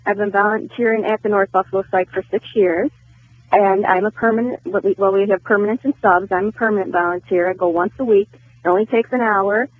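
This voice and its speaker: A woman's voice: medium pitch, fairly even intonation, fairly quick, no room sound. A woman calling in to a radio show as a volunteer, heard over the phone line, earnest and eager in casual talk. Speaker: caller, volunteer. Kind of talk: casual call-in chat. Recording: tinny dry phone line.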